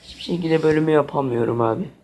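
A man's voice: fairly high pitch, fast talker, a little mellow, slight background noise. A man playing a video game and commenting as he goes, exasperated, talking both to the game and to his viewers. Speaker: gaming channel host. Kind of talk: let's play commentary.

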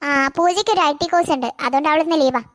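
Performer as gentle cartoon teacher, high voice, dry close sound. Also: very fast, no room sound, close to an everyday voice. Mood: instructing. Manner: gentle, instructing. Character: kind female schoolteacher. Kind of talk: cartoon voice acting.

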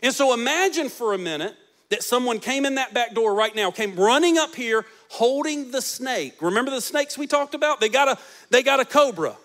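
Holding a handheld mic on a large church stage, this forties-aged male pastor preaches at a moderate, animated pace. He shifts back and forth from emphatic, booming statements to soft, low-spoken ones.

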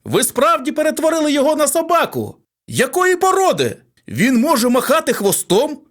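A man voicing an excited, pushy male reporter clamoring for news. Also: extremely high pitch, moderate pace, pitched above the performer's own voice, full character voice.

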